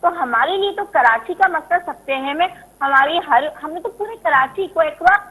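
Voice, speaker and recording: High bright woman politician from karachi, keeps hammering the same points. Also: animated, normal speed, low-quality recording. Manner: insistent, repeats points for emphasis. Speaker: politician guest. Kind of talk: political talk-show interview.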